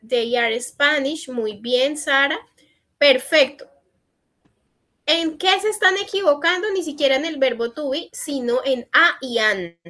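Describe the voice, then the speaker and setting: A woman teaching an online English class in Spanish, reading out student answers and gently correcting them. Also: sits high, expressive, a little slow. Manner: encouraging corrections in a patient teacherly tone. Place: online session.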